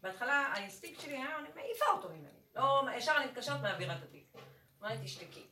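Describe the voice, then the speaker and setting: A higher-pitched woman tells a story in an animated way and acts out the back-and-forth of each conversation. She is heard from across a reverberant room on a distant recorder, with steady noise underneath. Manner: acts out both sides of conversations. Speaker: rabbinical court advocate sharing a case.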